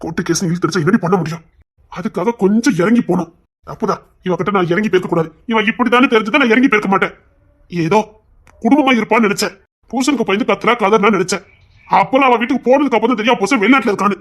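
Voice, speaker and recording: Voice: mid-range voice, rapid-fire, lightly acted. A performer voicing an anxious young husband in an audio drama who keeps pleading and swearing he is innocent. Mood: defensive.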